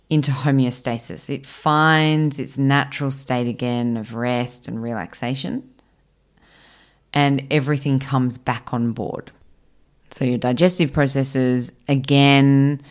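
Very low-voiced, slow woman explaining. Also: a little mellow. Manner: enthusiastic, explains with acted inner voices. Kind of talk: explanatory educational talk.

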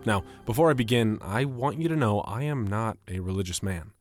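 An actor playing a skeptical, proud doctor in an audio drama, with a brisk, authoritative delivery. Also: male voice, lowish voice, lively intonation, natural voice. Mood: skeptical, dismissive. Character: skeptical, proud male doctor, irreligious, increasingly baffled. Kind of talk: dramatized audio story acting. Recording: loud music under the voice.

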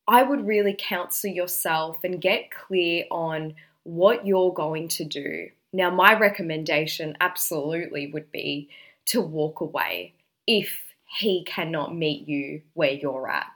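A woman's voice: low-pitched, unhurried, a bit bright. A woman giving relationship advice in a confident, direct and emphatic way, like a dating coach talking to her audience.

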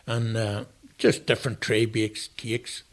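A retired chef in his sixties with a Northern Irish accent chats as a guest in a casual interview, telling rambling, anecdotal stories. His voice is fairly low and flat, and he speaks a little slowly.

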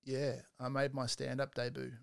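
A man's voice: mid-range voice, monotone, moderate pace, creaky, clean tone. A middle-aged father co-hosting a casual podcast chat, joking and rambling.

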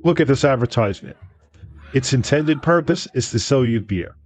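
A man voicing his drunk business partner, who rants loudly and theatrically like a preacher at a bar. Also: medium pitch, animated, moderate pace, pitched above the performer's own voice, close to an everyday voice. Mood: ranting. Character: drunk, boastful male business partner ranting. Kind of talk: audiobook character voice.

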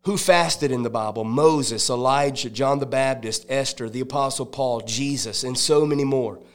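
A male evangelist giving a devotional sermon, emphatic and preachy, with dramatic pauses. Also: mid-range voice.

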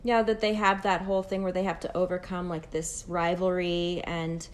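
A woman's voice: lowish voice, little pitch movement, moderate pace. A woman in casual movie chat, talkative and laughing, who swears now and then.

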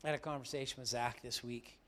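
A middle-aged pastor preaching a sermon. He moves between loud, emphatic declarations and quiet, confiding storytelling. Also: mid-range voice, steady tone, fairly quick, slight background noise.

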